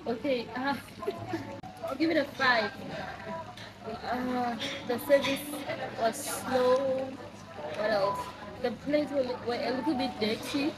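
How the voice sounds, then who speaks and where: A woman's voice: high-pitched, slow, long pauses, loud music behind the voice, low-quality recording. A woman vlogging casually from restaurants, chatty and laughing often as she rates her food. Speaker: vlogger and lawyer. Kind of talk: casual vlog chat. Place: restaurants and cafes.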